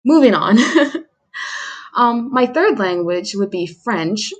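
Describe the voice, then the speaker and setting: Introducing herself on a livestream, a young adult woman chats casually in a self-deprecating way, chuckling as she goes. Her mid-range voice is expressive, and she takes her time.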